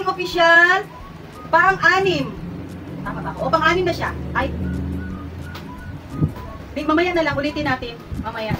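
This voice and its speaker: A Filipino woman vlogger hosting a giveaway raffle, talking casually to her viewers with playful teasing and excited squeals. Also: high voice. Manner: chatty, excited squeals at each winner, playful self-teasing. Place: hot room indoors. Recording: mic at a distance, music playing loud.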